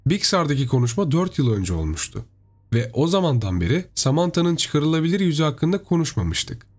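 A man's voice: a little high, darkish tone. Man narrating a horror story.

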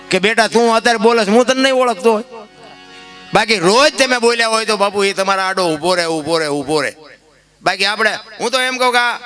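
A man giving a preachy dayro folk discourse to an audience. His voice often climbs into emotional, high-pitched outbursts. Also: bright, forceful tone. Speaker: dayro storyteller.

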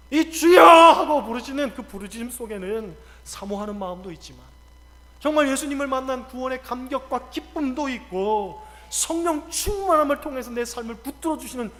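Male pastor preaching with theatrical flair, very high voice, long reverb in a church sanctuary. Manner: dramatic storytelling with acted quotes and shouts. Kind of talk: sermon.

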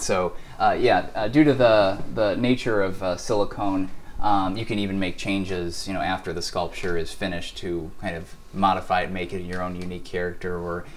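A man's voice: on the low side, slight background noise. A man who owns a mask company, explaining his products in an interview with many fillers, recorded in a workshop showroom by a camera mic. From Wisconsin. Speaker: mask company owner and artist.

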